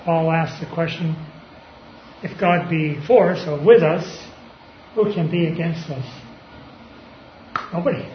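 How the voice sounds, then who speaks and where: A man preaching in a relaxed, conversational way, with fillers and throat clearing, explaining Bible verses. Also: on the high side, a little slow, pauses often, a little hiss or hum. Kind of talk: informal Bible teaching. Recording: roomy, slightly dull recording.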